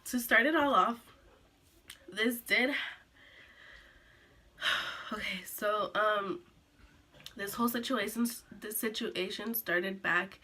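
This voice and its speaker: A teenage girl recording a sit-down story time for her channel, her voice high and bright. She rambles and restarts, packs in "like" and "um", and still sounds a little rough from being sick. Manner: rambling, filler-heavy, many "like"s and restarts. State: recovering from illness, coughing. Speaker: vlogger.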